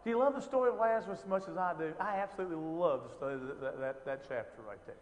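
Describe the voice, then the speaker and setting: A man's voice: high-pitched, fast, big-room sound, slight background noise. A man teaching an informal Bible lesson, talking conversationally with lots of fillers and rhetorical questions.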